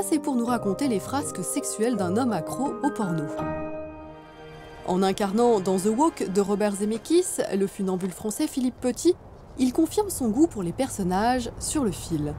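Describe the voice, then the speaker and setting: Woman, scripted reporter narration, fairly high pitch, music clearly behind. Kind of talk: scripted magazine voice-over narration.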